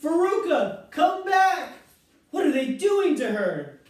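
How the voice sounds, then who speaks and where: A frantic, fussy mother shrieking in alarm, voiced by a man reading aloud. Her voice shoots up high and shrill. It rings out in a very echoey room, a little away from the mic. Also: big pitch swings, takes it slowly, distant mic, exaggerated voice. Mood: panicked. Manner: panicky, shrill.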